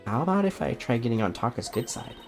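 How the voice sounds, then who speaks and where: A man's voice: medium pitch, big pitch swings, fast, creaky, soft background music, voice pushed up. A man voicing an eager, cheeky young woman lawyer from a video game. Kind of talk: video game dialogue read aloud.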